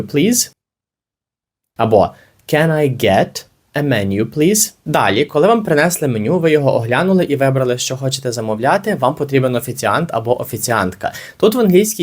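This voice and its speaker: Lively man teaching slow phrases. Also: mid-range voice. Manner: slow, careful model phrases between lively explanations. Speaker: English teacher. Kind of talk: language lesson, teaching.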